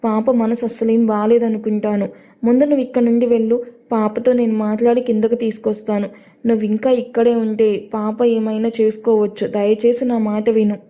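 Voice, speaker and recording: A woman's voice: fairly high pitch, little pitch movement, a little fast, warm tone, lightly acted. A woman voicing an anxious, caring elderly grandmother in a storybook reading. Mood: pleading. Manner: worried, pleading.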